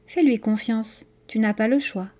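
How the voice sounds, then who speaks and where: A woman voicing a small talking crow in a storybook reading, speaking slowly and deliberately with a rattly voice. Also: fairly high pitch, mellow, lightly acted. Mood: knowing.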